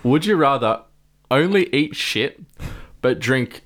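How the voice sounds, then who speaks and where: A man's voice: mid-range voice, animated, takes it slowly, fairly bright tone. A man chatting as a podcast co-host, playfully reading out quotes and questions. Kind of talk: casual chat.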